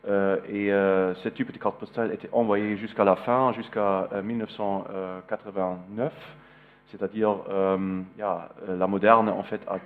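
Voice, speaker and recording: A man from East Germany lecturing in French as a non-native speaker, with a German accent, halting as he searches for words. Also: fairly low pitch, little pitch movement. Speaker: visiting architect lecturer. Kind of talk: public lecture with slides. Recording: narrow, phone-like sound.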